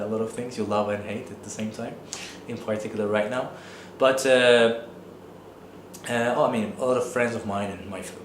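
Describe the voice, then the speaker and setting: A man's voice: medium pitch, echoey room, a little hiss or hum. A man in his thirties from Turkey with a Turkish accent, an economics professor answering interview questions thoughtfully, with many fillers.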